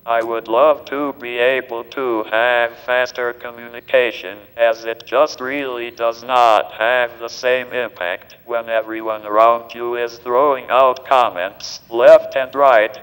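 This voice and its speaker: Slow digitized male computer voice. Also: medium pitch, fairly bright tone, smooth. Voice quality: synthetic, digitized text-to-speech voice. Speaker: panel speaker using a communication device. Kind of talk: pre-recorded prepared speech. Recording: reverberant hall playback.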